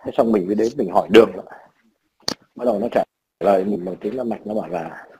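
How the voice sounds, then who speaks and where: A man's voice: fairly low pitch, fast, a little mellow, rough recording. A man in his sixties from Vietnam with a Northern Vietnamese accent, telling blunt, profane stories in casual chat. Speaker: emigrant father.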